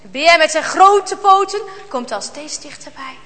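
High, bright-voiced woman telling a story. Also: lively intonation, in a large hall, a little hiss or hum. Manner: dramatic, slow storytelling with hushed tension. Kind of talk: children's Bible story reading.

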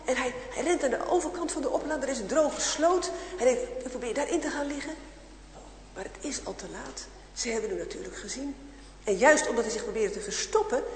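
A woman with a high voice tells a children's story with lively expression, sometimes dropping to a whisper. She sounds roomy and echoey, as if recorded in a large hall with long reverb. A faint hum lies underneath. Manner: expressive, voices characters, shifts to whispers for suspense.

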